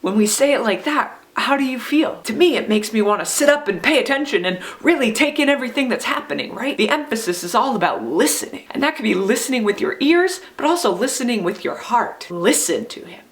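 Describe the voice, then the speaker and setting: A woman's voice: a little high, lively intonation, fairly quick, few pauses. A woman giving a playful children's Bible lesson, upbeat and talking straight to young viewers. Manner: upbeat, playful, talks to a dog. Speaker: Sunday school teacher. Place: church video recording.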